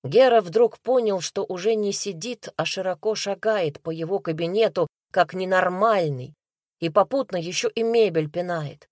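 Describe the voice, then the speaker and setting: A woman narrating a crime novel in a steady, tense storytelling manner on a close studio mic. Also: lowish voice, normal speed, dry recording. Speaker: audiobook narrator.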